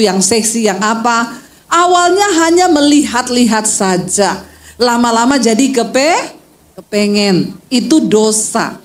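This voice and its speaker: A woman pastor giving an animated storytelling sermon at an outdoor gathering, speaking straight to the crowd. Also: fairly high pitch. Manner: animated, acts out quoted voices, addresses the crowd directly.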